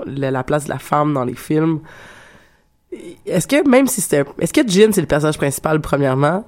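A man with a Quebec French accent, hosting a casual film discussion podcast and talking haltingly with many restarts and repeated words. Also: fairly high pitch, a little mellow. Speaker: podcast host.

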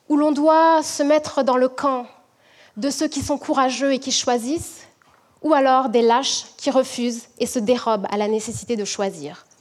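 A woman from French Guiana, a management professor, giving a measured, reflective prepared talk to an audience. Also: sits high, darkish tone.

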